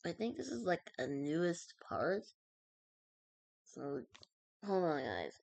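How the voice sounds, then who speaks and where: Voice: medium pitch, big pitch swings, slow pace, vocal fry, a little mellow, no echo. A streamer reading a web story aloud, stumbling over words, correcting themselves and dropping in casual asides.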